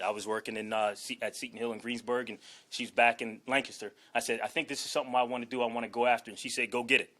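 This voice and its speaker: A man speaks with a sharp tone at medium pitch. He's a Washington, D.C. native in his forties and a new head football coach delivering his introductory press conference speech, earnest and emphatic, keeping emotion contained while tagging lines with "okay?" and "all right?"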